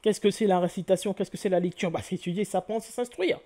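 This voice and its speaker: A man's voice: high-pitched, quick pace, dark tone. A man giving an explanatory lecture to viewers, spelling out letters one by one and often correcting himself. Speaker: lecturer on word origins.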